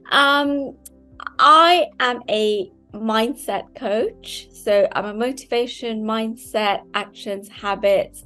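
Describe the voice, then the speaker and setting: A woman in her fifties from Kenya, a mindset coach giving an upbeat, chatty online seminar over a video call. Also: mid-range voice. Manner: upbeat, chatty, loose phrasing.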